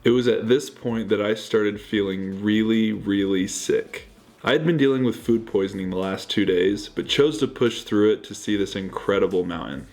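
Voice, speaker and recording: A man's voice: on the low side, moderate pace, few pauses, darkish tone, faint music behind. A man casually narrating his travel vlog as he goes. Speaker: travel vlogger.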